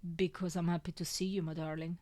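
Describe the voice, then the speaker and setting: A woman voicing a grieving young father who speaks gently in a soft, hushed voice. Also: fairly low pitch, fairly even intonation, moderate pace, close to an everyday voice. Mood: tender.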